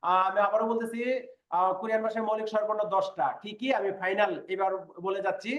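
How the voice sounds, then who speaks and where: A man's voice: sits high, little pitch movement, quick pace, a bit bright, roomy sound, dull audio. A man teaching a language class online, patiently explaining and repeating sounds and checking that his students follow.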